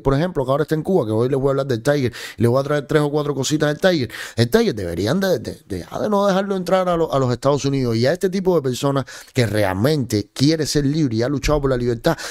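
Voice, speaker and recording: A man's voice: mid-range voice, darkish tone. A Cuban man with a Cuban accent, hosting a live stream and commenting emphatically, stressing points by repeating words and greeting viewers.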